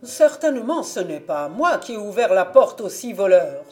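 A woman reading a storybook aloud and voicing a contemptuous male castle doorman who yells at visitors. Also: mid-range voice, sing-song, normal speed, soft background music, lightly acted. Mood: scornful. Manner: contemptuous, shouting.

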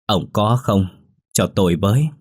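A man's voice: on the low side, unhurried, husky, no room sound, studio quality. A man voicing a distraught peasant mother who cries out desperately for her lost daughter. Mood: weary.

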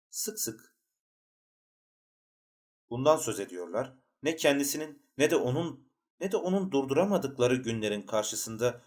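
A man narrating a literary novel as an audiobook, with a measured, even storytelling delivery. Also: medium pitch.

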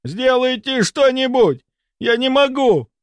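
A high-pitched, feverish male patient cries out in agony and stammers through chattering teeth. His voice leaps wildly in pitch. The recording is dry and close, with no room sound. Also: lively intonation, slow pace, clean tone, no room sound, exaggerated voice. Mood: agonized.

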